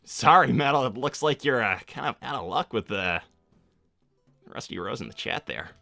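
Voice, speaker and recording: A man's voice: medium pitch, animated, moderate pace, gravelly, sharp tone, no echo, soft background music. A man voicing a casual, slightly awkward young cartoon hedgehog, rambling hesitantly through an improvised livestream Q&A. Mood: casual, unsure.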